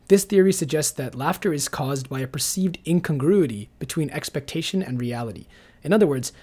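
A man reading a scripted narration in a measured, analytical way. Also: mid-range voice, a little mellow, slightly rough. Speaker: video essay narrator.

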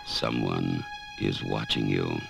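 A man voicing a menacing horror film trailer narrator in a slow, ominous way. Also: heavily acted. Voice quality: very deep gravelly voice. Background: loud music.

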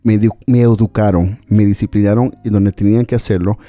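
A man's voice: on the low side, fairly even intonation, brisk, dark tone, no echo. A man raised in the United States, co-hosting a casual conversation, rambling and laughing often as he acts out stories. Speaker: podcast co-host.

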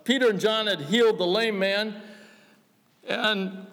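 An American man preaching a revival-style sermon, emphatic and exhortatory, with deliberate pauses and rhetorical questions. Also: high voice, fairly bright tone. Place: large church or hall, preaching to a congregation. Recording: echoey hall with long reverb.

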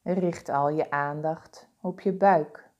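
A woman guiding a body-scan meditation with slow, soothing, calm instructions. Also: low voice. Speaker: meditation guide.

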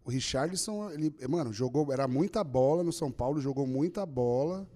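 A man's voice: mid-range voice, lively intonation, mellow, long reverb tail. A man hosting a podcast, talking in a casual, slang-heavy way and swearing often. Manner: fast slangy talk, lots of swearing. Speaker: podcast host.

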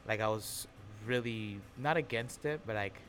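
A man's voice: mid-range voice, moderate pace, a bit bright, faint music behind. A man in his twenties hosting a casual podcast chat, rambling and repeating himself as he feels out his point. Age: 20s. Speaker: podcast host.

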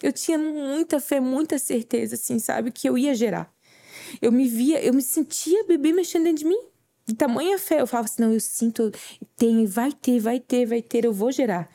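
With a high, mellow voice and a moderate pace, this woman tells a moving faith testimony on a podcast where she's a guest. She speaks earnestly, grows tearful at moments, and performs the words she once said.

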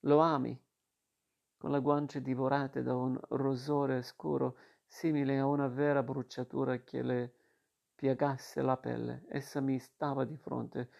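A man reading a novel aloud in a slow, steady literary manner. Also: medium pitch, gravelly. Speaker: reader. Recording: dull lo-fi recording.

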